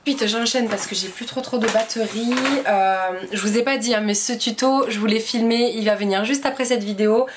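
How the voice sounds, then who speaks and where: A woman's voice: on the high side, fairly even intonation, fairly quick, few pauses, noisy background. A young woman with a French accent chatting to camera about her beauty shopping haul, enthusiastic and full of fillers. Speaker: beauty vlogger. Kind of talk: casual haul chat to camera.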